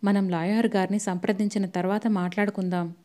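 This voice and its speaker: A woman reading the part of a gentle elder sister who pleads softly. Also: medium pitch, little pitch movement, a little fast, lightly acted. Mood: pleading. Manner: soft, pleading.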